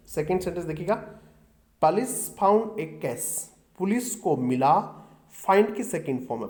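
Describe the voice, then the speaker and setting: A man's voice: on the high side, darkish tone. A middle-aged man teaching exam vocabulary, often asking his students a question and then answering it himself. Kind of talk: exam-prep vocabulary lesson.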